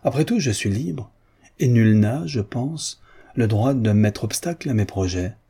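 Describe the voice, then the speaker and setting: A man's voice: mid-range voice, animated, measured pace, dark tone, husky. A man doing an impetuous dashing chevalier. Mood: impatient. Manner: assured, impatient. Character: impetuous dashing male chevalier, vain and proud.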